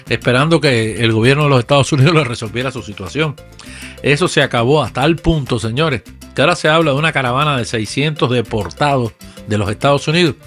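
A man's voice: medium pitch, fairly bright tone. A man giving opinionated news commentary on a radio morning show, speaking straight to listeners. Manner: emphatic, addresses listeners directly.

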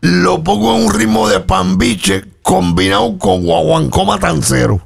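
A man, a musician guest on a radio interview, explaining his work in a relaxed way. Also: high-pitched, unhurried, soft background music. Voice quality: gravelly and husky.

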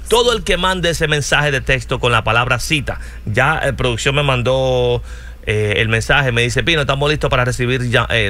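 A man hosting a call-in radio show, with a bright, forceful voice. He pitches in an urgent, repetitive way, pressing listeners to act now. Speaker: radio host. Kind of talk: promotional radio talk.

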